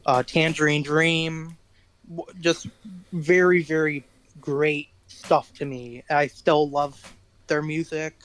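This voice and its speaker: A man's voice: a little high, level tone, slow, a bit bright. A teenage boy, guest musician in an interview, telling rambling self-deprecating stories in casual chat. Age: teens.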